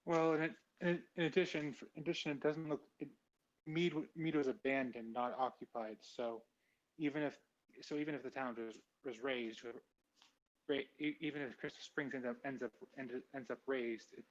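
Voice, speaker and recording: A man playing a tabletop game, speaking haltingly with many restarts. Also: mid-range voice, fairly even intonation. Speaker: player. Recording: slightly dull lo-fi mic.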